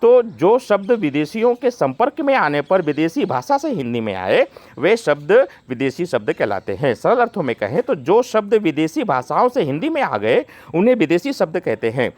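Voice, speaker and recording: A man's voice: a little high, no room sound. A man giving a grammar lesson, explaining definitions and reading out pairs of words one after another. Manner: explains slowly, listing word pairs one by one. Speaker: Hindi grammar teacher. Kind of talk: classroom-style grammar lesson.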